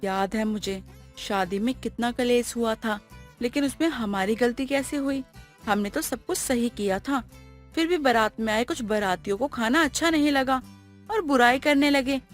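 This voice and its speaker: A woman voicing a soft-spoken, patient young daughter-in-law who talks slowly and gently in an animated moral story. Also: sits high, soft background music, natural voice. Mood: gentle, calm.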